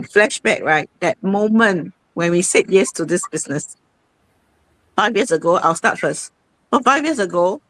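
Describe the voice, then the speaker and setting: A woman's voice: lowish voice, dry recording, poor audio. A woman, hosting an online sharing session in a rambling, conversational way. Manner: conversational, rambling with many fillers. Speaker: host.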